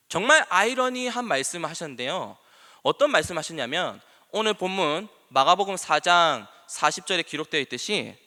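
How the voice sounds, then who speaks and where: A man preaching a sermon in a church, animated and dramatic, acting out the scripture quotes with strong emphasis. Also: fairly high pitch. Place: church sanctuary. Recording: long reverb of a church hall.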